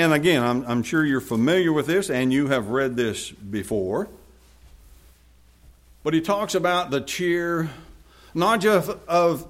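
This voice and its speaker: Man, preacher, sermon, scripture reading, quiet asides, loud swells, slightly high voice.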